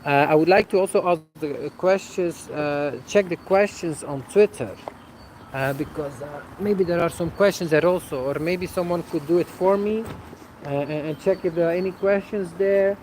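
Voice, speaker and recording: A man's voice: high voice, moderate pace, darkish tone, a little hiss or hum, rough recording. A man from Belgium, hosting a casual live Q&A outdoors, talking hesitantly with many fillers and tagging sentences with "eh?". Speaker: livestream host answering viewer questions.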